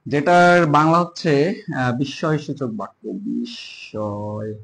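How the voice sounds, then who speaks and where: Fairly high-voiced man teaching grammar. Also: slight background noise. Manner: spells words out letter by letter, drawls key terms slowly. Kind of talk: casual spoken grammar lesson.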